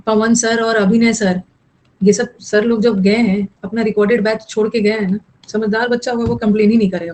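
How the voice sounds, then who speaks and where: A woman's voice: mid-range voice, darkish tone, low-quality recording. A young woman teaching an online English grammar class, mixing explanation with chatty scolding asides to her students.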